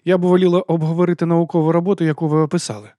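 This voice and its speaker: Casting: man playing a businesslike woman in her forties, slight European accent, terse, raised higher than his own voice, dry close sound. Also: flat delivery, rapid-fire, warm tone, dry recording, lightly acted. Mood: brisk.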